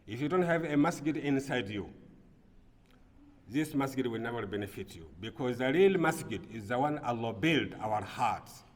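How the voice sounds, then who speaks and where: A man from Burkina Faso delivers a Friday sermon in an earnest preaching voice of middling pitch. His delivery drops low and quiet, then rises into emphatic bursts. The long reverb of a large mosque hall trails behind each phrase. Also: animated, normal speed. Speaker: imam.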